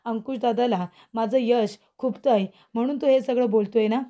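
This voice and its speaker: A proud young woman in a serial drama snaps back and defends herself, as a woman narrator reads her. The voice is fairly high and soft in tone. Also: fairly even intonation, moderate pace, natural voice. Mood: defiant. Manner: defiant, retorting. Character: defiant young woman, proud and sharp-tongued.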